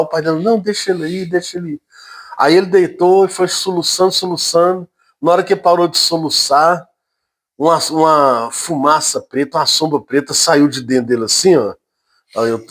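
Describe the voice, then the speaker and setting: A man with a Brazilian accent casually recounting a strange personal experience, halting and repeating his words, with frequent emphatic asides. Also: a little high. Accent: Brazilian Portuguese. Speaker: storyteller.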